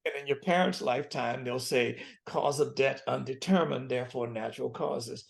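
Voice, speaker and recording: Gravelly seventy-something man, earnest physician. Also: medium pitch, moderate pace. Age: 70s. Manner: earnest, preacherly emphasis, repeats key phrases. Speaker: physician guest. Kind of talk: interview conversation.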